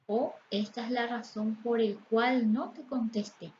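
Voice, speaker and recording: A woman teacher explains grammar at a very slow, deliberate pace, pausing often. Her voice sits a little high. The recording is slightly dull and lo-fi, with a faint hiss behind her. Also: fairly even intonation, a little mellow. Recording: slightly dull, lo-fi sound with faint background noise.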